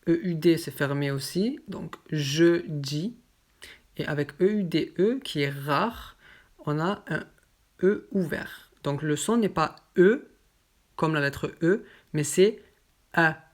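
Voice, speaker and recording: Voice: medium pitch, slow pace. A French teacher giving a pronunciation lesson, carefully enunciating and repeating example words one by one.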